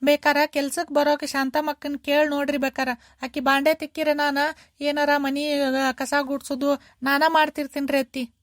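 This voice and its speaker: A woman's voice: sits high, little pitch movement, moderate pace, dry recording, studio quality, lightly acted. A woman voicing a polite young daughter-in-law in a cartoon, pleading respectfully in a North Karnataka accent. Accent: North Karnataka Kannada.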